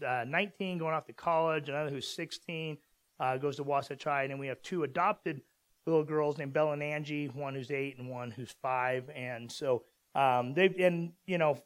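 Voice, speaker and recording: A pastor from Southern California, a man in his forties with a fairly high voice, preaches in a loose, chatty way. He wanders through his points with plenty of ums and false starts. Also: a bit bright. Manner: rambling storyteller with many fillers and restarts. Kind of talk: casual conversational sermon.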